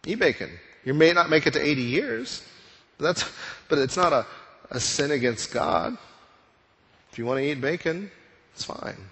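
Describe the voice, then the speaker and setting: A man's voice: on the high side, animated, moderate pace, long pauses, fairly bright tone. A male pastor preaching a conversational sermon, full of rhetorical questions. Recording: long reverb of a church hall.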